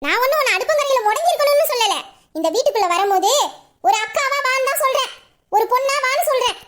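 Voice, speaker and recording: A woman doing a shrill, rapid scolding mother. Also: expressive, noisy background. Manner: scolding, complaining. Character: nagging middle-aged Tamil mother, scolding. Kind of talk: audio drama acting.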